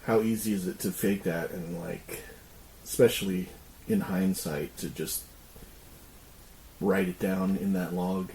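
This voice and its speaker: A man's voice: sits low, unhurried, long pauses, slight background noise, rough recording. A man co-hosting a podcast, chatting casually, chiming in with agreements and questions. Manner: relaxed, chimes in with short agreements and questions. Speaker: podcast co-host. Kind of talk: casual conversation.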